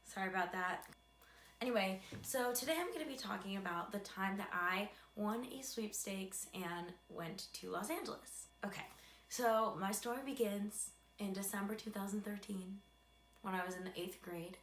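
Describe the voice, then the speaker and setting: A woman's voice: medium pitch, moderate pace, a bit bright. Young american woman doing a casual storytime, chatty n self-deprecating, echoey room w a bit of background hum. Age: young adult. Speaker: video creator telling a personal story.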